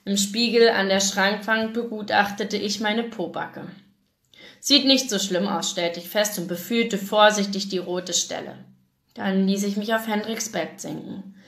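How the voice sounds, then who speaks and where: Woman, German accent, mid-pitched, reads romance aloud with feeling; roomy echo. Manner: expressive first-person reading with acted dialogue. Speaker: reader of a novel. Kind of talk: live reading of a romance novel. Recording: echoey room.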